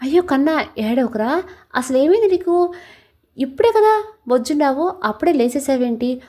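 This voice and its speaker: A woman voicing a young mother who talks softly and coaxingly to her baby. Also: high-pitched, expressive, normal speed, pitched above the performer's own voice. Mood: doting.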